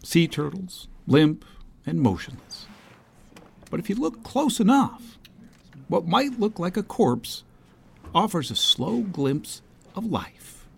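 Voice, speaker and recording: High-pitched man, animated news narrator. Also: takes it slowly, vocal fry, long pauses, husky. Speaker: news correspondent narrating a feature.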